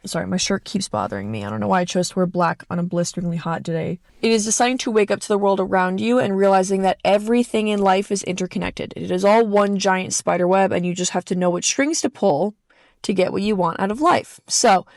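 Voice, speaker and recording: A young woman hosts her own podcast in a loose, chatty solo style, wandering into quick asides and correcting herself as she goes. She sits close to the mic, and the recording is dry, with no room sound around her voice. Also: mid-range voice, creaky, no echo. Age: young adult. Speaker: podcast host. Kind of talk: casual solo podcast talk.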